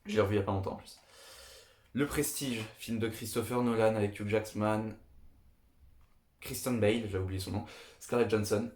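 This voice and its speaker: A young man with a lowish voice talks through his favourite films in a casual, eager monologue. He repeats himself often and gushes about what he likes. His voice rings in an echoey room. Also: steady tone, moderate pace, long pauses, darkish tone, slight background noise. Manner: enthusiastic, repetitive, chatty. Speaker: video host. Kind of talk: casual film review monologue.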